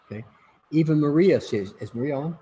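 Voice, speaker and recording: A man's voice: fairly high pitch, lively intonation, a little fast, dark tone. Guy teaching a class on a video call, rambly and jokey, lots of repeated words, long reverby room, bit of hiss. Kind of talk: casual lecture to an online class.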